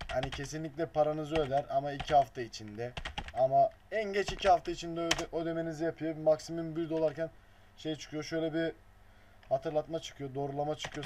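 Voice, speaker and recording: A man giving a casual screen-recording tutorial, muttering along as he clicks and dropping blunt offhand jokes. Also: on the high side. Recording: noisy home recording with keyboard clicks. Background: keyboard and mouse clicks.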